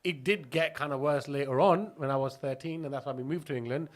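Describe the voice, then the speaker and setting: A man from Pakistan chats as a guest on a podcast and tells his family stories. His voice sits a little high. He talks in a loose, rambling way, laughs often and restarts his sentences. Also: fairly quick. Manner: chatty, laughing, many restarts. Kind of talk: casual interview storytelling.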